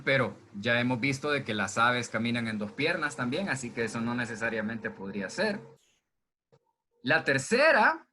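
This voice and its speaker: A Honduran man with a mid-range voice teaches a zoology class by video from home, chatting with his students in a relaxed way and answering his own questions. This recorded online lecture was captured on a computer microphone indoors while heavy rain fell.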